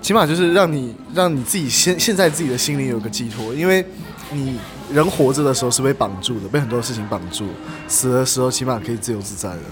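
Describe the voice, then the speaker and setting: A man, talking earnestly and haltingly in a casual chat. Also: mid-range voice, over music. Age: 20s. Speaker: podcast guest.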